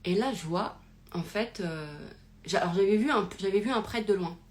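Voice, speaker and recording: A woman's voice: mid-range voice, normal speed, a little mellow, slight background noise. A young woman telling a personal story in a casual, rambling way, with many fillers and restarts, recorded live on a phone. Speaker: podcast host.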